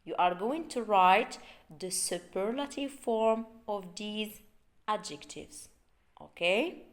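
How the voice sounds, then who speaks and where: A woman teaching English grammar at an unhurried, deliberate pace. Her voice sits at an ordinary middle pitch. She draws words out and repeats them for her learners. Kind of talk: online English grammar lesson.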